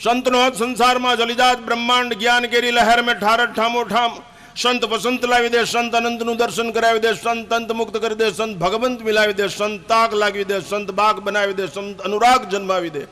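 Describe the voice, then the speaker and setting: An older man preaching a fiery sermon, emphatic and at times shouting. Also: extremely high pitch, flat delivery, brisk.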